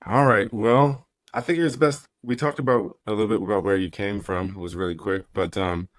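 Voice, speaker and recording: A man's voice: on the low side, fairly even intonation, a little fast, no room sound, studio quality. A young man hosting a casual podcast, easygoing and rambling, reading listener comments aloud. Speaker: podcast host, professor.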